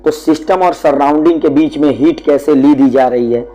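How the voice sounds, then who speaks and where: Guy teaching chemistry class, kinda high voice, patient, talks to students like a dad. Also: moderate pace, warm tone, rough recording. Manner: explains patiently, calls students "beta". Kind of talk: classroom syllabus lesson.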